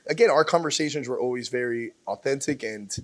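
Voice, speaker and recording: A man's voice: mid-range voice, brisk. A man hosting a casual chat, easygoing and laughing often, slipping between English and Spanish. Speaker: host.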